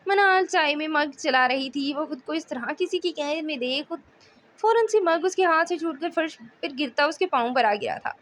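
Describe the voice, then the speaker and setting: A woman narrating a romance novel in a steady storytelling manner. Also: high voice, moderate pace, slight background noise. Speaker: audiobook narrator.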